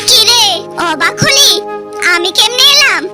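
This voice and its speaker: A woman's voice: extremely high pitch, animated, measured pace. A woman voicing the stern, vengeful ghost of a mother in a cartoon. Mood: menacing. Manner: menacing, accusing speech. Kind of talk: dubbed cartoon acting. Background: loud background music.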